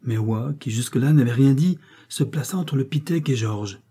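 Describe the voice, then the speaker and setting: A man with a husky voice narrating a classic adventure novel in a measured, dramatic way. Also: medium pitch, mellow. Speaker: audiobook narrator.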